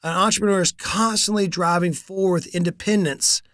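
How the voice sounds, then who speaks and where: A business coach and channel host in his forties gives an animated solo talk to camera, telling stories with energy and acting out the conversations he quotes. His voice sits high, with fairly even intonation, a brisk pace and a fairly bright tone. The studio-quality recording has no echo.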